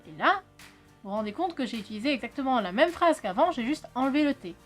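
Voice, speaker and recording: Brief: bright high-pitched woman from France, casual vlog teacher, chatty, jokey, swears a bit. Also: very animated, quick pace, faint music behind. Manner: chatty, swears, jokes with friend. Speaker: video host teaching Khmer.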